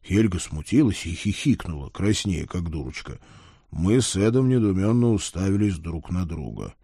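A man reading a first-person audiobook, with a wry, lively storytelling manner. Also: low-pitched, normal speed, gravelly, breathy edge, dry recording, studio quality. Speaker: audiobook narrator.

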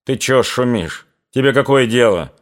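An icy Cossack trooper talks back in short, sneering jabs, as a man puts him on. His menace comes out slow and deliberate, rough and unbothered. This is a storybook character from an audiobook. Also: medium pitch, lively intonation, lightly acted. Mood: menacing. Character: cold, mocking Cossack killer, grown man.

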